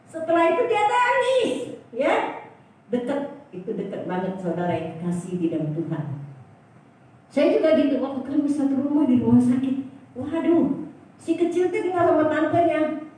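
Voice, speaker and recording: An older woman pastor preaching a sermon, lively, asking the congregation questions and repeating her key phrase. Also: sits high, normal speed. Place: church hall. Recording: echoey church from far off.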